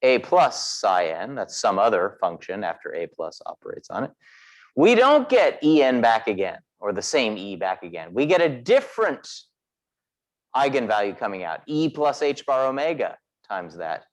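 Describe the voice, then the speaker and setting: Lively male physics lecturer. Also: on the low side, normal speed. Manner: explains step by step, asks rhetorical questions. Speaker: physics instructor. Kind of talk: lecturing in a class meeting. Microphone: recorded class session.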